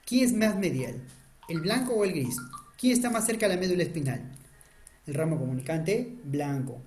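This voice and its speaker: Male lecturer, urgent, quizzing tone, slightly high voice. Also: a little mellow. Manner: quizzing, answers his own questions; urgent, repeatedly asks students to pay attention. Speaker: anatomy lecturer. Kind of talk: online lecture drawing on a diagram.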